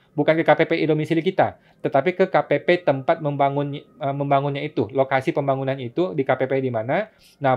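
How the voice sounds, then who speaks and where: A man hosting a casual live-stream Q&A, reading viewers' questions and answering them patiently with frequent chuckles. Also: fairly high pitch. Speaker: tax consultant host answering viewer questions. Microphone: phone or laptop mic for live stream. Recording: dull lo-fi live-stream audio.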